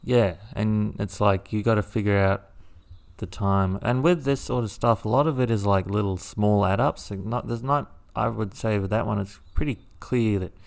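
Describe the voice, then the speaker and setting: A man co-hosting a podcast, musing in a halting casual chat with many restarts. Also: fairly low pitch, gravelly. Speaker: podcast co-host.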